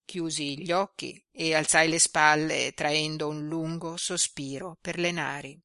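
A woman volunteer reader from Italy narrating a novella in a measured, expressive way. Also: sits low, no room sound, clean studio sound. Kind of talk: scripted narration.

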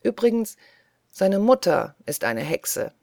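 A woman reading the lines of an old, fussy British colonel in an audiobook, earnest and softly pleading. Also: mid-range voice, sing-song, slow pace, creaky, no room sound, studio quality, full character voice. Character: elderly male British colonel, gentle, fussy.

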